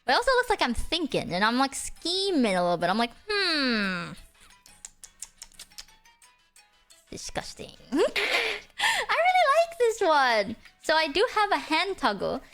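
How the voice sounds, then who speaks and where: A woman's voice: high-pitched, huge pitch swings, brisk, few pauses, fairly bright tone, soft background music. A woman hosting a casual live stream, chatting to viewers in a cute, playful, teasing anime-streamer manner. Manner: giggly, teasing, exclamatory. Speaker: streamer host.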